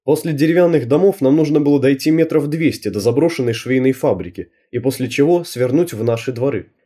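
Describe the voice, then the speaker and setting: A man narrating an audiobook in a lively storytelling manner. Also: mid-range voice, brisk, breathy edge. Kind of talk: scripted narration.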